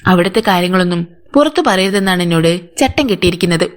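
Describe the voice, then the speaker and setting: Woman doing an older housemaid, anxious, protective, pleading replies, low-ish voice. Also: lively intonation, fast talker, natural voice. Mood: confiding. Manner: pleading, defensive answers to police. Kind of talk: audiobook character voice.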